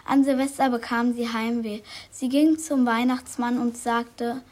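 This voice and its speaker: A young presenter of a school radio show, reading out a book tip with small restarts. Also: female voice, a little high, steady tone, unhurried, darkish tone.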